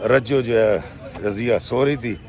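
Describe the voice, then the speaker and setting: A man voicing a meek, mistreated young wife who speaks softly and pleadingly. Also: mid-range voice, natural voice. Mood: sad.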